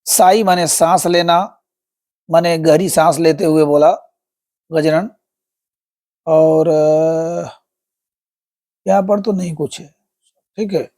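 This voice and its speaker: A man's voice: fairly high pitch, steady tone, slow pace, long pauses, mellow. A man teaching English through a story. He explains each word and meaning, repeats himself, and addresses viewers as friends. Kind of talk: Hindi-medium English lesson explaining a story.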